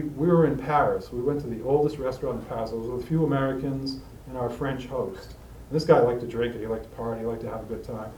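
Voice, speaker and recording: A man's voice: mid-range voice, dark tone. Rambling man telling a recovery story. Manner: rambling, halting, many fillers and restarts. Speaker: recovery meeting speaker. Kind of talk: personal recovery story told to a group. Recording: roomy, distant mic with faint hiss.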